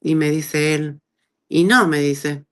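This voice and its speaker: A middle-aged woman with an Argentine accent, telling her personal testimony in a conversational way and acting out the dialogue she quotes. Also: slow. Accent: Argentine Spanish. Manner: animated storyteller who acts out quoted dialogue with big pitch jumps. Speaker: guest giving a testimony.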